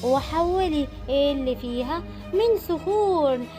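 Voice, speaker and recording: A woman with an Egyptian accent voicing an evil witch who slowly chants spells to summon giants, for a homemade cartoon. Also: high voice, expressive, music in the background. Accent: Egyptian Arabic. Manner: slow drawn-out chanting incantations.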